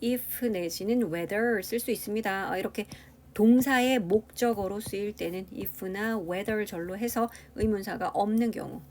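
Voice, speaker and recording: A woman's voice: mid-range voice, unhurried, a little mellow, slight background noise. A woman English teacher giving a grammar lecture, explaining step by step and asking the class rhetorical questions.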